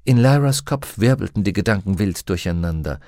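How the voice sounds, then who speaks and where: A man reading an audiobook as narrator, telling the story in a steady, measured way. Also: sits low, dry recording, clean studio sound. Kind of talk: scripted narration.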